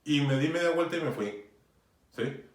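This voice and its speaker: A man's voice: a little high, moderate pace, far from the mic. Male preacher, chatty storyteller, raised voice, echoey room, a bit off-mic. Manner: storytelling, frequent tag questions. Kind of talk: conversational sermon.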